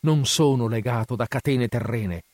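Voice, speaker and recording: A man voicing a frenzied, gleeful old Egyptian priest who speaks in a loud, exalted, hysterical way in a dramatic audiobook reading. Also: medium pitch, moderate pace, dry recording, studio quality, natural voice.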